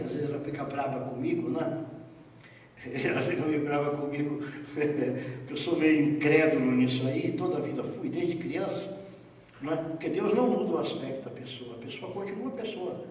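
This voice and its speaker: Brazilian pastor preaching in an echoey hall. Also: male voice, a little high, fairly quick, darkish tone. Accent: Brazilian Portuguese. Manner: conversational, jokes with the congregation. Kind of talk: sermon. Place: church hall. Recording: echoey church hall from far off.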